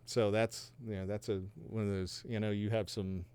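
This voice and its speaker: A man in his fifties, originally from Georgia and Texas, tells his personal faith story in a relaxed podcast conversation. His voice sits fairly low and sounds clean and resonant. He speaks earnestly and reflectively, with a light touch of self-deprecating humor. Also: normal speed, smooth. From Georgia and Texas, USA. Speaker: guest sharing his faith testimony.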